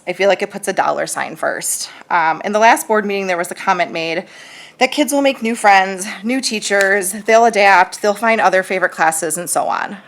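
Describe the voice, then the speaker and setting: A woman's voice: mid-range voice, a bit bright. A woman in her thirties, a parent giving a chatty, earnest public comment at a school board meeting, with many fillers.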